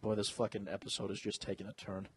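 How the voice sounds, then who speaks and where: Husky man, crude casual podcast banter. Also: fairly low pitch, completely flat delivery, fast. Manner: crude, joking, swears freely. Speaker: podcast co-host.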